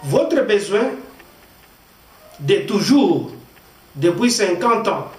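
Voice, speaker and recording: A pastor from the Democratic Republic of the Congo, preaching a sermon and reading scripture in short, deliberate phrases. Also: male voice, sits high, sing-song, a little mellow, recorded from a distance. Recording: echoey room, voice off-mic, faint music.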